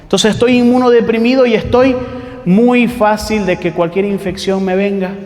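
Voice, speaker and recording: High-voiced preacher in echoing hall. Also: male voice, fairly even intonation, normal speed, darkish tone. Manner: conversational, rhetorical questions, mock-quoting people. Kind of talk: sermon.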